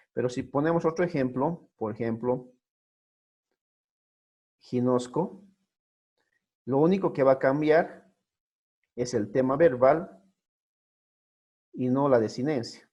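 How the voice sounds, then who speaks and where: Male teacher, online Bible Greek class, patient, repeats points, mellow dark tone. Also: mid-range voice. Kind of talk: recorded online class lecture.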